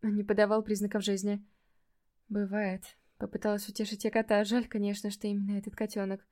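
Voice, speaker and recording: A woman reads a first-person fantasy story aloud in a mellow, warm voice. Her storytelling is measured, turning livelier when she speaks the dialogue and dropping softer in reflective moments. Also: medium pitch, monotone. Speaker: audiobook narrator.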